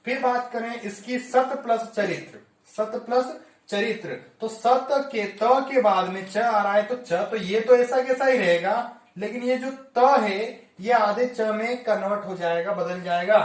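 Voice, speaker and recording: A man's voice: high voice, unhurried. A man teaching a Hindi grammar lesson for exam preparation, explaining each rule step by step and repeating it. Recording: echoey room, mic at a distance.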